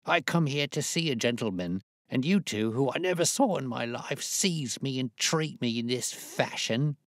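Casting: man to play stubborn, grumbling aged labourer for an audiobook, slow delivery, creaky voice, dry sound. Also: lowish voice, expressive, no room sound, voice pushed up, heavily acted. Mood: indignant. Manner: rustic ungrammatical speech, grumbling. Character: petulant, obstinate very old working man.

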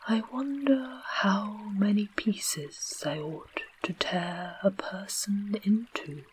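A woman's voice: fairly low pitch, lively intonation, extremely slow, slight background noise. A woman whispering as a timid wondering lion, whispered role-play. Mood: musing. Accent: English. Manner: soft unvoiced whisper, wondering. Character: hungry male lion, timid and squeamish.

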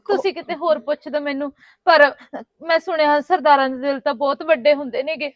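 A high, pleading voice of a poor young village woman, played by an actress, begging for work in a plaintive tone. The sound is dry and a little dull, as from a short village film. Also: steady tone, a little fast, dry recording, close to an everyday voice. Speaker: poor woman seeking housework.

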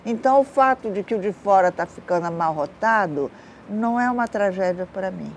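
An older woman, an author born in Africa to an Italian family, giving lively and thoughtful interview answers outdoors in a garden. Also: mid-range voice, fairly quick, slight background noise. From born in Africa, of Italian culture, living in Brazil. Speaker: guest, writer.

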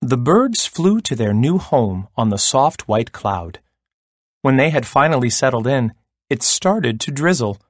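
A man reading a folk tale aloud as a storyteller, slow and expressive. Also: medium pitch, no echo, clean studio sound.

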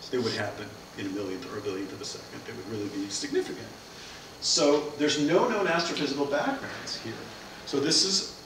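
A middle-aged physics lecturer gives a science cafe talk in a seminar room with a projector screen, posing questions and then answering them to explain ideas. His mid-range voice has a fairly bright tone. A far-off camera mic captures him, so the sound is distant, echoey and noisy.

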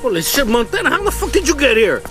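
A man's voice: extremely high pitch, huge pitch swings, quick pace, heavily acted. A man voicing an arrogant, cornered cocaine kingpin who curses with contempt in a video game cutscene. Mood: scornful. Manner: scornful, cursing. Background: music.

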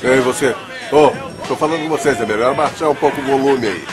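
A man's voice: mid-range voice, sing-song, moderate pace, crowd noise, lightly acted. Middle-aged man an actor, Brazilian accent, weary regretful boxing trainer, dubbed film drama, music underneath. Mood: irritated. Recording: film soundtrack with music behind.

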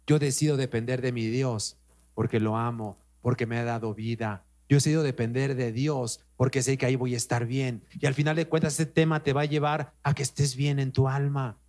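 A man's voice: mid-range voice, steady tone, brisk, darkish tone. A man with a Mexican accent preaching a sermon as pastor, emphatic, repeating phrases and speaking straight to the congregation. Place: church.

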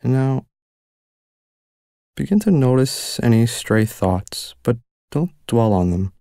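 Slow, creaky-voiced man guiding meditation. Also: medium pitch, dry recording, studio quality. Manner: calm, gentle, unhurried instruction with long pauses. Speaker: meditation guide. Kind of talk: guided mindfulness meditation narration.

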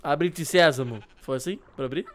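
A man hosting a Minecraft let's play, joking with a friend and yelling in panic. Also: fairly high pitch, normal speed. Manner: jokey, shouts in panic, teasing. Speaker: gaming channel host.

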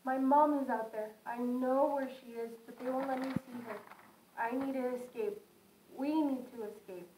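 A woman's voice: high-pitched, fairly even intonation, normal speed, lightly acted. Woman playing an urgent young female detainee. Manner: urgent, earnest. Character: determined young female detainee longing for her mother. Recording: echoey room, faint noise.

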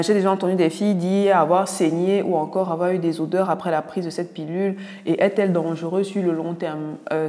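A woman's voice: fairly low pitch, darkish tone, in a large hall. A woman doctor from Cameroon with a Cameroonian French accent, answering viewer questions in a casual, frank and teasing way. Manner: frank, teasing, blunt asides. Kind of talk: casual video Q&A.

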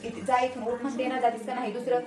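A woman voicing an arrogant, haughty queen who scolds slowly and sharply. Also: on the high side, level tone, reverberant, natural voice. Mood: scornful.

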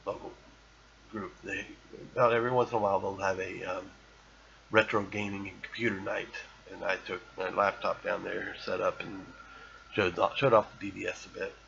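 A man's voice: low voice, level tone, moderate pace, gravelly, fairly bright tone, highs cut off, a little hiss or hum. A man hosting a podcast, chatting casually as he plays an old online game, reading its text aloud with playful bravado. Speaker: podcast host. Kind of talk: casual gameplay commentary.

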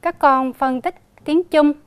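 A female primary school teacher with a Southern Vietnamese accent, leading a slow reading lesson for young children and spelling out sounds with emphatic repetition. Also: high voice, steady tone, no room sound. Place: recorded for a TV lesson.

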